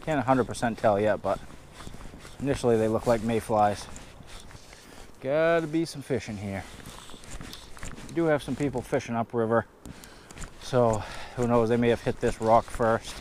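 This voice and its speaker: A man's voice: mid-range voice, normal speed, long pauses, darkish tone. A man with a New England accent giving upbeat play-by-play of his fishing on a river, filmed on a head-mounted camera. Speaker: fishing vlogger. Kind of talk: casual outdoor narration to camera. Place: outdoors on a rocky riverbank. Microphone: head-mounted action camera. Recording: faint river and wind noise.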